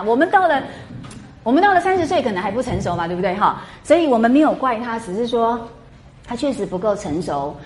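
A woman lecturing a class on a classic novel, chatty and animated, full of rhetorical questions. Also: mid-range voice, slight background noise. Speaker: literature lecturer. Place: classroom with students.

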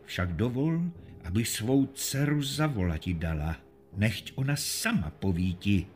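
A man's voice: fairly low pitch, a little hiss or hum, lightly acted. A man doing a dignified, defiant castle lady. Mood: calm. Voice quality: calm, measured. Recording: faint music behind.

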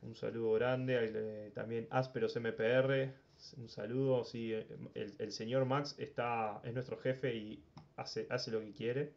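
A man's voice: medium pitch, steady tone, unhurried, gravelly, darkish tone, dull audio. A Uruguayan man hosting a casual sports talk podcast, rambling and often repeating words as he thinks. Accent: Uruguayan Spanish. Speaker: podcast host.

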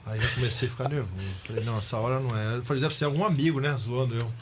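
Middle-aged são guy, rattling off old locker room stories quick, acts out the shouting bits, faint room hiss. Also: medium pitch. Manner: animated, acts out shouted quotes, laughs while telling. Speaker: guest, former goalkeeper. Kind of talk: casual storytelling chat. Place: podcast studio.

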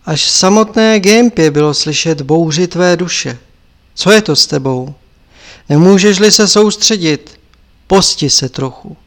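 A man reading an audiobook, voicing an old male lama abbot who admonishes his pupil in a measured, lecturing way. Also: fairly high pitch, close to an everyday voice. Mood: admonishing.

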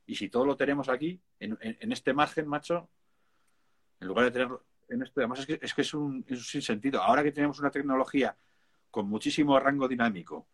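A man's voice: medium pitch, fast talker. A man with a Spain Spanish accent, a music producer chatting casually, emphatic and full of slang. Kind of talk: casual chat.

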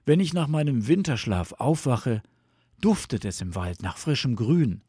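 A man doing a drowsy, gentle bear. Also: mid-range voice, big pitch swings, a little slow, husky, no echo, studio quality. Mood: dreamy. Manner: drowsy and easygoing. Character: sleepy, good-natured big male bear. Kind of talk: storybook reading.

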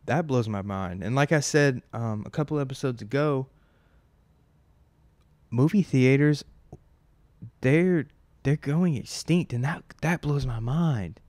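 A man's voice: mid-range voice, slow, pauses often, darkish tone, no room sound. A man in his twenties hosting a podcast on his own, talking in a loose, rambling way with lots of "like" and casual swearing. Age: 20s. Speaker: podcast host. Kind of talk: casual solo podcast monologue.

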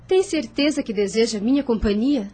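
In a radio drama, an actress voices a meek, anxious young farmer's daughter, speaking formally and earnestly with an uneasy mood. Her fairly high female voice is animated, warm and husky, moving at a moderate pace.

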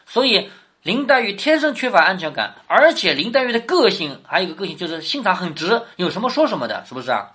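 A woman's voice: medium pitch, very animated, fast talker, a bit bright, breathy edge. A woman teaching a classic novel, reading passages aloud and then explaining them, often asking her listener questions. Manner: asks the listener questions, reads quoted lines with more lift.

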